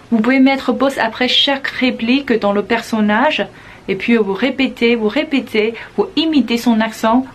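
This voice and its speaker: A woman teaching in a calm, encouraging manner, explaining step by step with some hesitant fillers. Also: on the high side. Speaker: French teacher. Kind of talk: casual video lesson.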